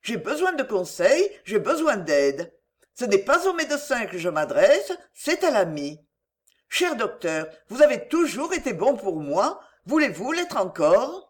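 A woman's voice: fairly high pitch, very animated, unhurried. A reader voicing an anguished young woman, nearly a girl, who pleads for help in a raised voice. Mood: pleading.

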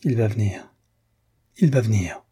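Man reading a curt, defiant young wife, husky and mellow, audiobook reading. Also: on the low side, expressive, a little slow, exaggerated voice. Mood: frightened. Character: proud, frightened young wife.

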